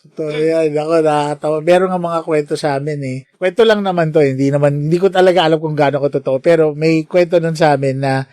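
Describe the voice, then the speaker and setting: Man from the philippines, middle-aged, lively storyteller, high voice, dry recording. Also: quick pace, smooth, no room sound. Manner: animated anecdotes with laughter. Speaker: podcast guest, nurse. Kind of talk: casual storytelling chat.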